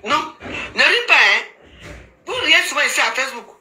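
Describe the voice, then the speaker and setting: A woman's voice: high voice, sing-song, moderate pace, pushed and bright. Teasing woman on a live stream. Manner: teasing, mocking, laughs often, scolding asides. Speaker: social media commentator. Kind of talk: casual Facebook live commentary. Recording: roomy echo, faint background noise.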